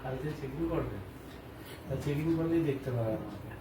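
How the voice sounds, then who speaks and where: With a mid-range voice and a brisk pace, a man takes the husband's part in a staged domestic skit, joking and teasing. The audio is distant and noisy, with heavy room echo.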